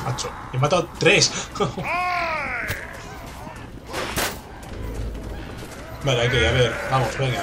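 A man with a Spanish accent from Spain, commentating a game he is playing, excitable and swearing, with sudden loud outbursts. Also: mid-range voice, heavy background noise. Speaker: gameplay commentator. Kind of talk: let's play commentary. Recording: game music in background.

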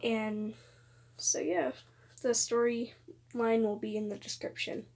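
A young woman, a video creator, makes a casual, rambling announcement to viewers about voice auditions, hesitating, repeating herself and occasionally cracking. Her pitch is fairly high and level, her tone darkish, and she speaks slowly into a phone voice recorder app.

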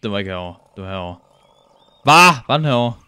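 A young man with a Danish accent, commentating a speedrun live, excitable and joking with frequent swearing. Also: lowish voice, smooth, dry recording. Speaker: streamer.

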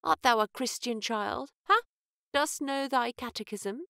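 A woman's voice: a little high, unhurried, bright, forceful tone, clear, resonant tone, dry recording, studio quality, voice pushed up. Old Puritan minister, grandfatherly and solemn, voiced by a woman reader. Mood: questioning. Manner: archaic, questioning, solemn.

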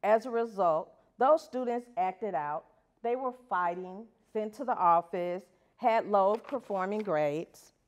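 A woman's voice: mid-range voice, slow pace, lo-fi sound. A woman teacher giving a prepared talk at an education event, earnest and putting rhetorical questions to the audience. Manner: reads from prepared pages. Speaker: elementary school teacher.

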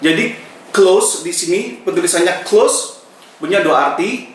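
Guy teaching grammar, kinda high voice, super echoey room. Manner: slow, deliberate example sentences. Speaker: English teacher. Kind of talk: grammar lesson. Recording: echoey room, mic set far off.

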